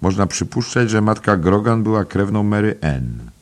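A man's voice: on the low side, expressive, normal speed, pitched above the performer's own voice, close to an everyday voice. A man voicing a serious, reserved young man who speaks tersely, in an audiobook. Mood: grave. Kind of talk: audiobook character reading.

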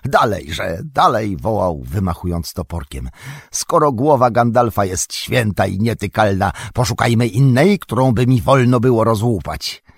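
A man voicing a gruff, excitable male dwarf warrior in an audiobook, boisterous and blustering. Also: low-pitched, normal speed, hardly any pauses, dry recording, clean studio sound, heavily acted. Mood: exuberant. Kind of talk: audiobook character voice.

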